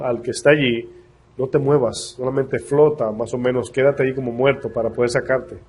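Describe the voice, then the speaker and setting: A man preaching a sermon in a church, his voice husky and a little stuffed up. He speaks earnestly to the congregation and slows down when he reads scripture. His pitch sits in an ordinary middle range. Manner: slows down to read scripture aloud. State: congested. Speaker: pastor.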